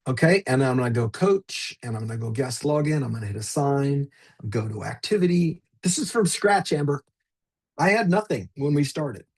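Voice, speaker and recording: A man's voice: on the high side, darkish tone, husky. A man leading a live online teacher training, demonstrating a tool in an upbeat, chatty way and addressing attendees by name over a video call. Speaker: workshop presenter.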